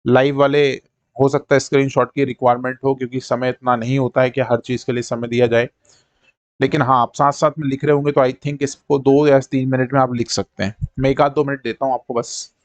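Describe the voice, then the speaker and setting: A man teaching a live-streamed maths lesson, drilling fractions and percentages in quick call-and-response and checking that his students follow. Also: medium pitch, little pitch movement, no room sound. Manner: coaxing, repeats "ठीक है" to check students follow.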